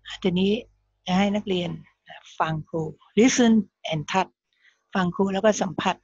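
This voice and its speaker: A woman teaching young pupils English, slowly spelling out words letter by letter and repeating them patiently. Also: mid-range voice, darkish tone, no echo, muffled recording. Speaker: primary school English teacher.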